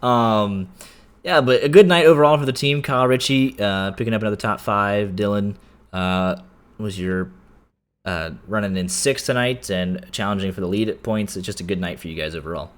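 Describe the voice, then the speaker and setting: Chatty low-voiced man interviewing racers. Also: moderate pace. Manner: chatty, filler-heavy, stumbles and laughs. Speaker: sim racing broadcaster interviewing drivers. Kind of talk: post-race interview.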